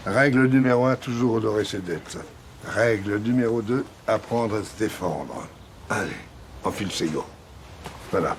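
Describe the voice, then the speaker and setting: An actor playing a gruff older retiree who coaches a young man in boxing, blunt and commanding. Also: fairly low pitch, normal speed, a little hiss or hum, close to an everyday voice. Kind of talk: film dialogue.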